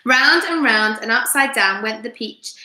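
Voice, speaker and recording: Speaking at a measured pace in a voice on the high side, a teacher reads a story aloud during a live stream. She is expressive and asks her young audience questions, and the recording has an echoey, roomy quality.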